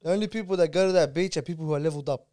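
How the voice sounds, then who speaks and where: A man's voice: fairly high pitch, rapid-fire, dark tone, no echo, clean studio sound. A man, bantering casually with friends in joking slang full of "bro". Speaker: podcast panellist.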